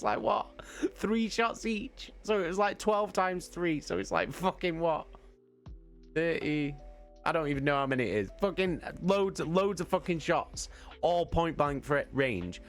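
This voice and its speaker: On a live stream, a man animatedly recounts a tabletop game story in a casual way, swearing often and breaking into laughter mid-sentence. His voice is mid-range with a fairly bright tone.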